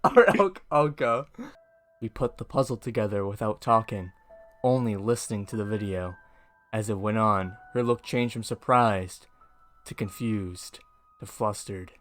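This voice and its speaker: Brief: mid-pitched man, slow unhurried reader, faint music underneath. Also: fairly even intonation. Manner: slow, unhurried, breaks into laughter. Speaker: co-reader of a joke post. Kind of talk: casual reading aloud.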